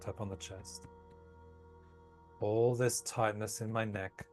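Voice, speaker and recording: A man calmly leading a guided tapping session, giving slow, soothing instructions. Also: fairly low pitch, faint music behind. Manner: calm, slow, soothing guidance. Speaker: tapping practitioner.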